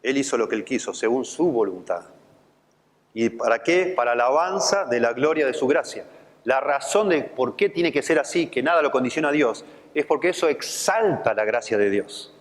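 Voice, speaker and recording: A man's voice: mid-range voice, animated, moderate pace, big-room sound. A man in his fifties with a Rioplatense accent, a pastor preaching with a conversational storytelling manner. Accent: Rioplatense Spanish. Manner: conversational storytelling, acts out quoted voices. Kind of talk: sermon with personal anecdote. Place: church.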